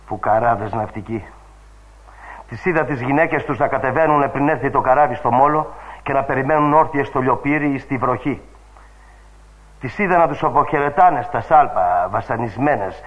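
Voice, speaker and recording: A man's voice: medium pitch, natural voice. A man reading the part of a cynical, world-weary ship's radio operator in a radio play, in a dull old radio recording.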